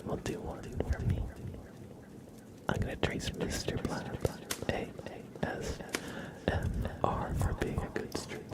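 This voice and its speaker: This is a male ASMR streamer chatting with viewers, his unhurried voice shifting between breathy whispers and soft creaky tones. He comes across as gentle and a bit playful.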